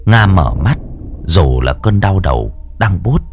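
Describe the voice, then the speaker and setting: A man with a low voice narrates a horror audiobook, drawing out his words to build suspense. His delivery is expressive and dramatic, and there is slight background noise.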